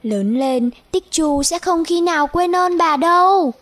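Earnest villager for a storybook, high and measured, read by a woman. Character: admiring adult villager.

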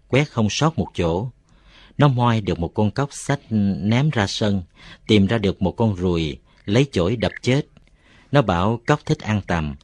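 Low-voiced male audiobook narrator. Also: no room sound.

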